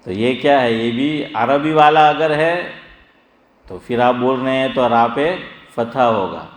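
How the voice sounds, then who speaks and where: A middle-aged religious scholar giving a sermon-style lesson, quizzing his listeners and calling on them by name as he slowly drills pronunciation. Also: mid-range voice. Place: gathering hall, evening assembly. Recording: echoey hall with long reverb.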